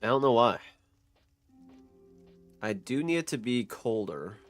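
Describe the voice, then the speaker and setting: His voice mid-range and sing-song, a young man with a blocked nose chats unhurriedly during a live game stream. He stays laid-back, curses, and repeats phrases, with faint music audible behind him.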